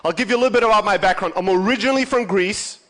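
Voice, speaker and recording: At a conference, a German man in his thirties gives an informal motivational keynote in a high-pitched, fairly bright voice, talking very fast. He swears liberally, mocks himself and regularly checks in with his listeners.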